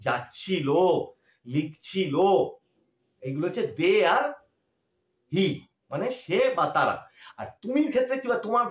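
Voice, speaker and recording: A man teaches an English grammar lesson step by step, asking questions and answering them himself and checking in often with short confirming questions. His voice sits high with a fairly bright tone, in an echoey room.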